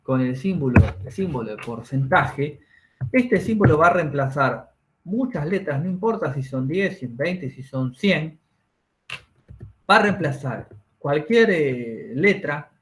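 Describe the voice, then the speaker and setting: A man's voice: a little high, animated, unhurried, a little hiss or hum. A man teaching a class, explaining each step and checking in with his students. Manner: explains step by step, checks understanding with tag questions. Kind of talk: classroom lesson.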